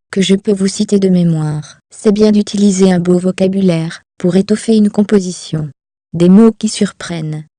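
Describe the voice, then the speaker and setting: A woman reading her personal essay aloud in measured, deliberate phrases. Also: medium pitch, mellow, dry recording. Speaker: author reading her own text.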